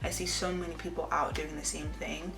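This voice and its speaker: A woman in her twenties, a lifestyle vlogger, chats casually to camera in a room at home, rambling and confiding informally. Her voice is low, level, creaky, and a little fast, recorded with a roomy echo and music behind her.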